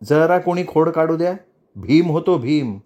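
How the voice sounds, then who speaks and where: A man voicing a gentle, understanding young wife who chats warmly in a Marathi audiobook reading. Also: deep voice, animated, unhurried, voice pushed up. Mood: friendly.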